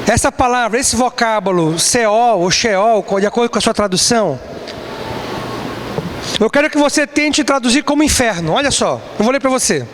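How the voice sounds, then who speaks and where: A man's voice: extremely high pitch, animated, brisk, a bit bright. A man teaching a Bible class as a lecture, who asks his students questions and answers them himself. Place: church classroom. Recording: long reverb, faint background noise.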